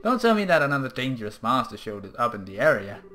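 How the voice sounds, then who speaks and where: A man voicing a polite, gentle old village elder from a video game. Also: mid-range voice, big pitch swings, fast talker. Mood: kindly.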